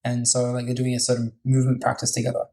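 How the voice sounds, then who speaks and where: Mellow-voiced enthusiastic podcast host man. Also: medium pitch, completely flat delivery, fast talker, rough recording. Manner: enthusiastic, many fillers like "like". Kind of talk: casual podcast conversation.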